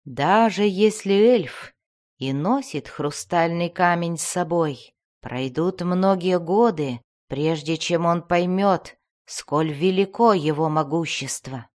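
A woman voicing a powerful male wizard who speaks slowly and in a measured, commanding way. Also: lowish voice, darkish tone. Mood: patient.

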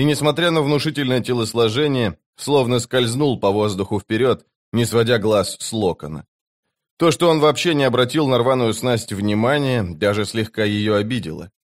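A man narrating a fantasy audiobook in an even, measured way. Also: medium pitch. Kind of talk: scripted narration.

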